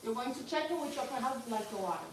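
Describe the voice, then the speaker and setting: A woman's voice: a little high, rapid-fire. Coaching woman instructor in echoey salon. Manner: coaching, chatty, turns loud and upbeat when excited. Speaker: hair care instructor. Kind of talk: live hands-on demonstration class. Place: salon classroom at a wash sink. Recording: very echoey room, distant mic, faint noise.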